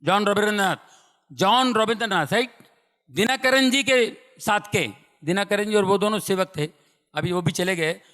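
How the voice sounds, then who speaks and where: A middle-aged man with a notably high voice preaches with emphatic repetition, pushing some lines loud and dropping others to a hush. His words ring out with the long reverb of a large hall. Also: normal speed. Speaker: preacher giving testimony. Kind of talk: sermon.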